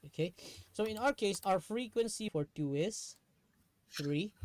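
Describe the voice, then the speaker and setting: A man's voice: high voice, lively intonation, unhurried, a little mellow, a little hiss or hum. A man tutoring a student in a live online lesson, patient, often checking that she follows.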